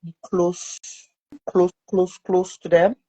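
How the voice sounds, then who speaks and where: A woman, a mother being interviewed, telling her story in a lively way and acting out her son's cries. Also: slow, slightly rough, poor audio. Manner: animated, acts out her son's screams in a high voice.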